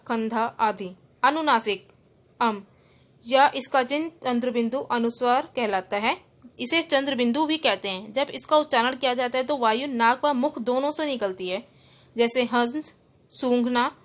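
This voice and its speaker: A woman, a school Hindi teacher giving an online class, who explains each rule and then repeats it in simpler words, mixing in English terms. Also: fairly high pitch. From India.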